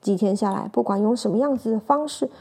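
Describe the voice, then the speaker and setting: A woman narrating a classic crime tale in an expressive storytelling voice. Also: a little high, quick pace, breathy edge.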